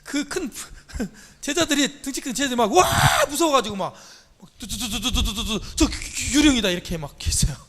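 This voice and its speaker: A man's voice: very high voice, big pitch swings, a little fast, long reverb tail, background noise. A man preaching a sermon to a congregation, telling the story with animation and quizzing his listeners. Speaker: church teacher.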